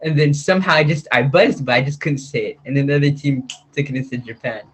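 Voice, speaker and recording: A man on a college team, answering interview questions in a halting way as he searches for words. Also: mid-range voice, slightly rough.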